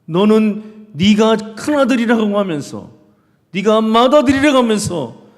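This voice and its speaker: A pastor acting out a furious father who scolds his elder son in a loud, high, indignant voice. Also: very animated, a little slow. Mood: indignant scolding. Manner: shouting, indignant, reproachful. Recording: long reverb of a church hall.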